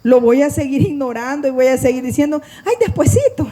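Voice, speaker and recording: A woman's voice: high voice, steady tone, fast, warm tone, poor audio. A middle-aged woman preaching a sermon and leading prayer, fervent and speaking straight to her congregation. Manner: fervent, addresses congregation directly, mimics people mid-story.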